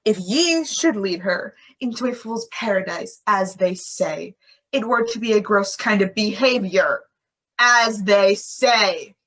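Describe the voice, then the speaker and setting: A woman playing a husky, fussy old nurse. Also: mid-range voice, lively intonation, takes it slowly, fairly bright tone. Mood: fussing. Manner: exclaiming, fussing. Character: fussy old female nurse, chatty servant. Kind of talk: amateur Shakespeare reading.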